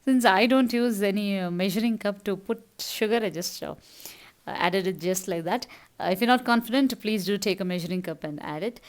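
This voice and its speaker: A woman's voice: mid-range voice, a little fast. A middle-aged woman from South India with a Tamil accent, casually narrating her cooking and chores step by step as a home vlogger. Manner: explanatory, step-by-step.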